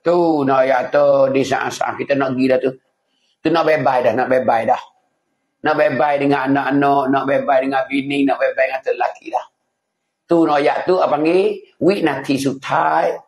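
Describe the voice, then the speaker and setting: A man's voice: medium pitch, steady tone, normal speed. A man with a Patani Malay accent preaching an emotive sermon, repeating phrases and acting out scenes. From southern Thailand. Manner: emotive, repetitive, acts out scenes. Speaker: religious preacher.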